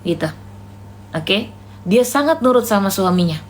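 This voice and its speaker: A woman's voice: mid-range voice, expressive, unhurried, a little hiss or hum. A woman preacher giving casual religious advice to a live online room, calling her listener "Kak" and retelling conversations in a chatty way. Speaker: Islamic preacher answering questions.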